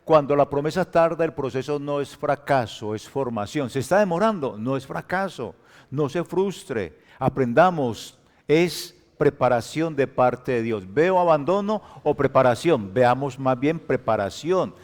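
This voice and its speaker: A male pastor preaching a Sunday school sermon, joking with the congregation, moving between loud emphatic lines and soft quiet ones. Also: medium pitch, animated, unhurried. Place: church hall. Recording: reverberant church hall.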